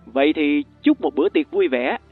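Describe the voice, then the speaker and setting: A man's voice: on the high side, wildly swooping pitch, normal speed, gravelly, slightly rough, full character voice. A teenage boy talks in a casual, teasing, dismissive way, voiced by a man reading a storybook. The sound is tinny and lo-fi with faint music beneath it. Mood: mocking.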